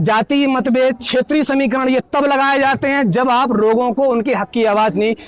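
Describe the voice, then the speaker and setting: A man giving a fiery protest speech outdoors, rhetorical and pointed, leading the crowd in chants. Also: extremely high pitch. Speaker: protest speaker.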